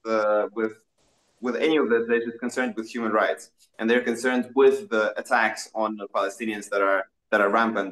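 On a laptop webcam video call from a small indoor room, a young adult Russian man, an activist being interviewed, answers questions earnestly, often restarting and using fillers. His voice is mid-range and a bit bright, and the recording is rough.

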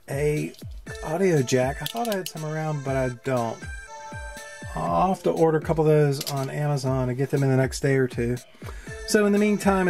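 Working at an indoor electronics bench, a man with a fairly high but darkish-toned voice talks informally through a hands-on build, thinking aloud as he goes in this casual tutorial.

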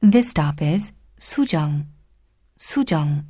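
A woman reading a prerecorded train station announcement in a slow, deliberate, formal manner. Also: low-pitched, expressive, dark tone, no room sound, clean studio sound. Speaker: subway announcer.

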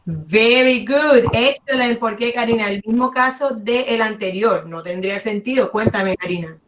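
A woman teacher leads an online class over a video call, praising her students often. She drags out English words slowly and exaggerates each sound so the class can copy them. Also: fairly high pitch, a bit bright, a little hiss or hum.

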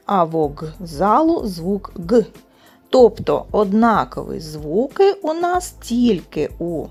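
Husky-voiced woman teaching an exam lesson. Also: mid-range voice, warm tone. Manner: explains step by step, stresses example words slowly.

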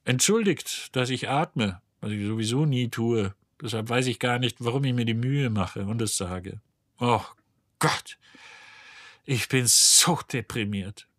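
A male narrator voicing a deeply depressed, sarcastic male robot in an audiobook, husky and weary. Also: a little slow, a bit bright, dry recording. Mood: snippy. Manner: weary, sulking, mocking. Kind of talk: audiobook character voice.

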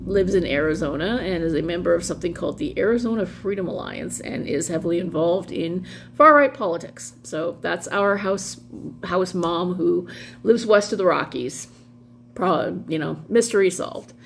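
A middle-aged woman hosts a casual vlog where she does dramatic readings, rambling wryly and with amusement as she drifts into asides. Her voice is fairly low and expressive, at a moderate pace. She's indoors in a small room at home, and a background hum is clearly audible.

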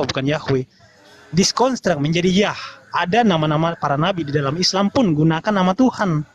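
Combative man lecturing in a debate. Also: fairly high pitch. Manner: combative, lecturing, spells out words slowly. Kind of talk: heated online debate.

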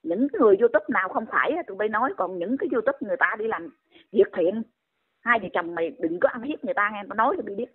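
A woman's voice: medium pitch, expressive, rapid-fire, breathy edge. Indignant older woman on a phone line. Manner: scolding, exclaiming often.

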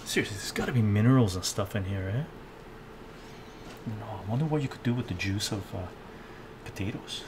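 An older man live-streams from his home kitchen, thinking aloud as he cooks and answering viewers' chat, picked up by a fixed camera mic as he moves around. His lowish voice is animated and a little fast, with frequent pauses and a noisy background.

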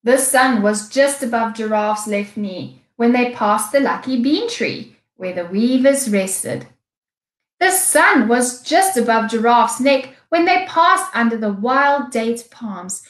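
A woman teacher with a South African accent reading a storybook aloud to young children, slow and expressive. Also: fairly high pitch. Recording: echoey room.

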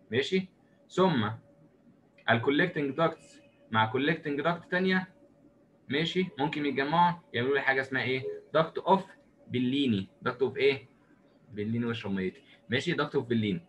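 A man with an Egyptian accent giving a recorded lecture, drawing as he goes and asking and answering his own questions in a lively, joking way. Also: medium pitch, slight background noise. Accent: Egyptian Arabic. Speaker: medicine lecturer.

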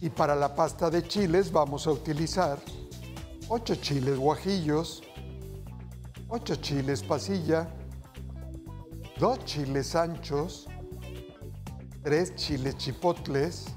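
On a TV studio kitchen set with music in the background, a middle-aged host talks viewers through a cooking demonstration as if they were family. His voice is a little high, and he speaks slowly with frequent pauses while explaining each step.

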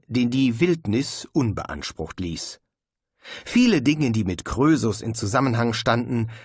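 A man reading a comic fantasy audiobook in scripted narration, expressive in his storytelling. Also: medium pitch, slightly rough, no echo, studio quality.

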